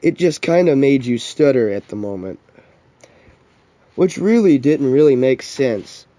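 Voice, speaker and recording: A man's voice: mid-range voice, expressive, measured pace, dark tone, no echo. A young man reading a second-person fan story aloud in a casual, stumbling way, with restarts and side comments. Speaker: fan fiction reader.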